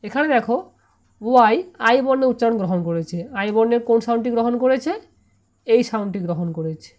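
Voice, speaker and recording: A woman's voice: on the high side, darkish tone. Bengali-accented woman teaching English sounds. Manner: drills syllables slowly and repeats them. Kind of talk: online lesson explaining pronunciation.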